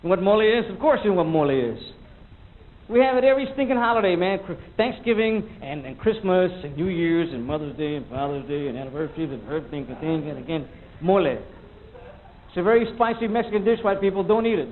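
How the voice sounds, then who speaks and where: A man's voice: high voice, expressive, fairly quick. A man performing a stand-up comedy set, rambling and loose, acting out little sound effects and voices. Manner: rambling, loose delivery, mimics sounds and people. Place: comedy club stage. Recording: lo-fi VHS tape recording.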